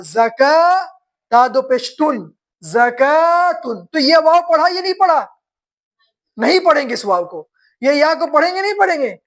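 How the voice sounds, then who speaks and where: A woman teaching beginners to read, spelling words slowly syllable by syllable and quizzing her students. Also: high voice. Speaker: Quran reading teacher.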